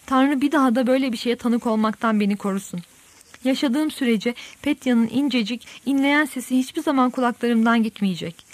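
A woman's voice: fairly high pitch, fairly quick, dry recording, close to an everyday voice. A woman reading an audiobook and voicing a frightened old woman who is half mad with grief and lamenting. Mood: horrified lament.

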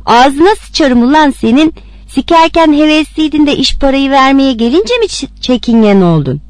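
A woman's voice: on the high side, very animated, moderate pace, a little mellow, dry recording. A woman voicing a brash, streetwise woman who threatens and swears coarsely in a read-aloud story. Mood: threatening. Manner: rough, threatening, crude.

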